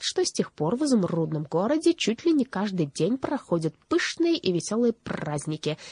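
A woman's voice: on the low side, darkish tone, breathy edge, dry recording, heavily acted. A woman voicing a vain, huffy old crow. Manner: huffy, indignant, slow grumbling delivery. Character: vain grumpy old female crow, self-styled diva.

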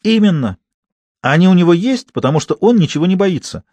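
A man's voice: high-pitched, expressive, a little fast, a little mellow, dry recording, voice pushed up. A man voicing a cocky, mercenary young woman who talks in a mocking, blunt way.

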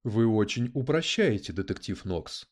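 A man's voice: fairly low pitch, animated, moderate pace, darkish tone, lightly acted. A man voicing a prim, coldly logical male detective android who speaks in an oddly mechanical, lecturing way. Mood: flat objection. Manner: precise, lecturing, unflappable.

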